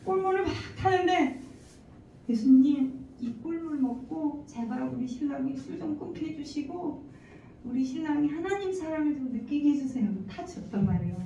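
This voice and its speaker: A woman in her forties tells her testimony to a church congregation, earnest and vivid as she plays out conversations. Her voice sits fairly high but sounds mellow. The recording is dull and lo-fi, taken from a distance in a reverberant hall. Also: animated, normal speed, slight background noise. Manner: earnest storytelling, acting out dialogue. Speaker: church member giving testimony.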